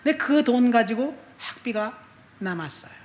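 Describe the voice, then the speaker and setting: A middle-aged male pastor preaching a sermon, telling a personal testimony and moving between soft asides and loud emphatic appeals. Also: extremely high pitch, expressive, normal speed. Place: church sanctuary. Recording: echoey church room.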